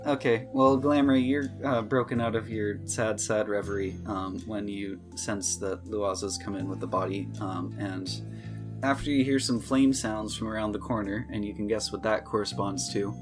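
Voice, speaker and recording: Low-voiced man running a tabletop game. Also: moderate pace, music in the background. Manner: relaxed, filler-heavy narration. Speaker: game master.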